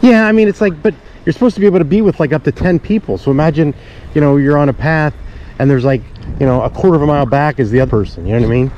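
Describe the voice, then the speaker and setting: Rapid-fire and dark-toned, with a voice on the high side, a middle-aged man vlogs while riding on a suburban street, rambling casually to viewers and cracking jokey asides. The action-camera audio is dull, with street noise around him.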